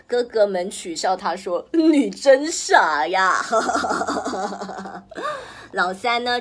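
A woman's voice: mid-range voice, breathy edge. A woman hosting a children's story program, telling a fairy tale playfully and asking listeners questions. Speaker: storyteller host.

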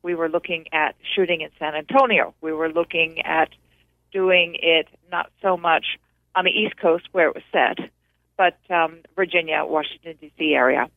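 A woman's voice: sits low, steady tone, normal speed, no room sound. Woman producer, interview guest, phone call, tinny narrow sound, dry, chatty with restarts. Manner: talkative, with frequent restarts and fillers. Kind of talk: casual interview recollection.

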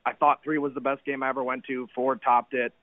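A man with a hoarse, worn-out voice from cheering, gushing casually as a fan calling a sports radio show. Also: mid-range voice, little pitch movement, a little fast, dry recording. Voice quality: hoarse, strained voice after shouting at the game. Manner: effusive, gushing. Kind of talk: excited casual fan chat. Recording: narrow-band phone call.

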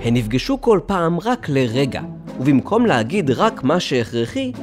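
A man narrating a children's story in an expressive, storytelling manner. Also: a little high. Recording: music playing under the voice.

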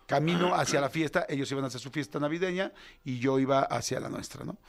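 A man with a Mexican accent, a radio host telling a family story in casual chat, animated and slangy. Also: mid-range voice, fast talker. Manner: animated storyteller, acts out voices, colloquial slang.

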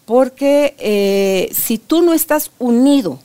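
An older woman tells stories in a lively, emphatic way. Her voice sits fairly high, and she stresses her points with quick asides. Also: clear, resonant tone. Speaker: grandmother sharing relationship advice. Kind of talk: casual interview conversation.

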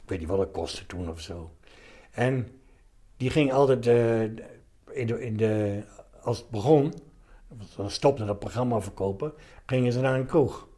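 Halting older man reminiscing. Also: mid-range voice, dark tone. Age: 70s. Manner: halting, anecdotal telling in short fragments. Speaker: interviewee, retired commando veteran. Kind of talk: casual reminiscing in an interview.

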